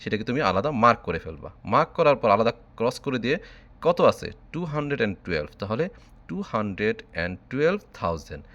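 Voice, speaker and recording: A man's voice: on the low side, big pitch swings, quick pace, fairly bright tone, dull audio. A man from Bangladesh teaching a math lesson online, patiently spelling out number words letter by letter.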